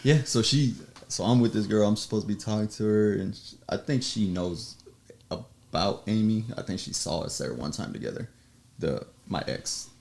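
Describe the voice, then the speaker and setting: A man chatting as a podcast guest, telling a personal story in an animated way, acting out quotes and laughing often. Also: lowish voice, moderate pace, vocal fry. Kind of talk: casual storytelling chat.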